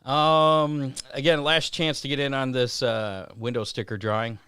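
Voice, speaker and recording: A man hosting a racing show, reading event schedules in a casual way with many "uh" pauses. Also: mid-range voice, steady tone, fairly bright tone, smooth. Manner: reads schedules with frequent "uh" pauses. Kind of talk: casual racing news rundown.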